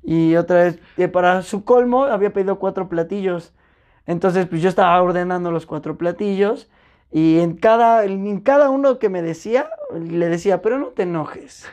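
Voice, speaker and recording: With a soft, mellow tone and a Mexican accent, this young woman from Puebla speaks at a fairly low pitch and normal speed. Her casual chat is lively and full of slang as she tells stories, slipping into other people's voices to act out their lines.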